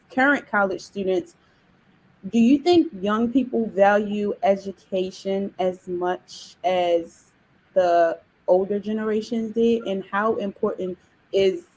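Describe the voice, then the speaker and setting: A young woman hosting a casual panel discussion, relaxed and chatty, asking questions. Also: medium pitch, rough recording. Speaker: discussion host.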